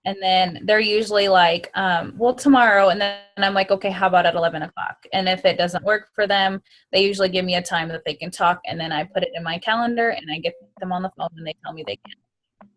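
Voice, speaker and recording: A woman's voice: fairly low pitch, fairly even intonation, fairly quick, a bit bright, low-quality recording. Earnest woman explaining on a call. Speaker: team member sharing her method. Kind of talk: casual explanation on a video call. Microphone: video call.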